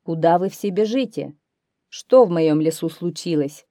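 A woman voicing a proud male lion who rules the forest, in a storybook reading, speaking loudly and firmly. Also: on the low side, lively intonation, measured pace, no echo, studio quality. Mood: commanding. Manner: loud, firm, commanding.

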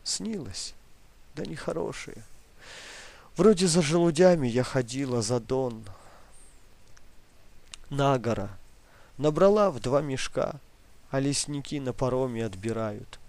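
A man voicing an old village grandmother who laments and wails about wartime hunger in her sleep, and murmurs softly and guiltily when awake. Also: mid-range voice, unhurried, pauses often, dry recording, lightly acted. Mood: subdued. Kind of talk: audiobook reading.

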